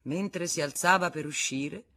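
A woman reading a classic novel aloud in expressive literary narration. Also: sits low, unhurried. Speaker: audiobook reader.

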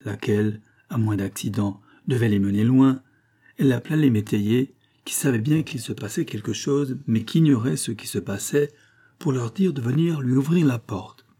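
A man narrating a classic novel as an audiobook in a measured, even reading. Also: medium pitch, slightly rough. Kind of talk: scripted narration.

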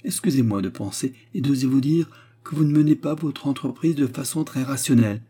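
A man voicing a cool, reserved gentleman in an audiobook, speaking in a measured way. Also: mid-range voice, slightly rough, natural voice. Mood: rueful. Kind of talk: audiobook character reading.

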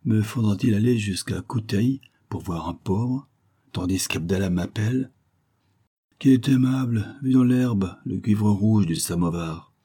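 A man voicing a crafty, mild old Turkish preacher who talks calmly and sometimes sighs. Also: on the low side, a little slow, slightly rough. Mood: musing. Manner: calm, sly, sometimes sighing.

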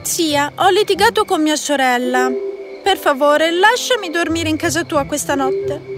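A bold, lively fairy-tale girl, put on by a woman narrator, with a high, bright voice. Soft music plays behind her. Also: unhurried. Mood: pleading.

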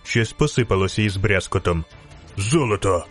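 A man reading a fantasy novel aloud in steady, scripted audiobook narration. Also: medium pitch, brisk, faint music behind.

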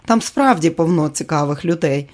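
A man's voice: fairly high pitch, animated, moderate pace, a little mellow, lightly acted. A man voicing a weary, wry aging comedian. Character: tired aging man, famous comedian, joking husband. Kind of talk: audiobook character reading.

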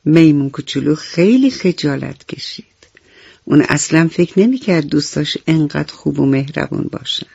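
A woman telling a bedtime story to children on the radio, gentle and affectionate as she talks to her young listeners. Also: sits low, animated, gravelly, husky, dry recording, muffled recording.

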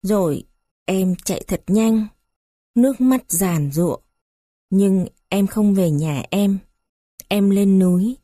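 A woman reading a story aloud in a slow, measured narration. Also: mid-range voice, warm tone, dry recording, clean studio sound.

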